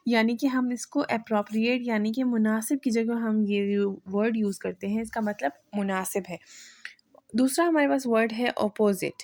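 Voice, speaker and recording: A woman giving a recorded English vocabulary lecture, speaking slowly and deliberately and often checking that her students follow. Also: fairly high pitch, dry recording. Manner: slow, deliberate, reads example sentences even more slowly; repeats "theek hai" to check understanding. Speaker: English teacher.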